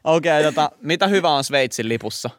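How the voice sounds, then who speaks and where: A man's voice: on the high side, animated, a bit bright, no room sound, studio quality. A young man co-hosting a podcast, chatting casually and trading crude jokes in a playful, teasing way. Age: young adult. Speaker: podcast co-host.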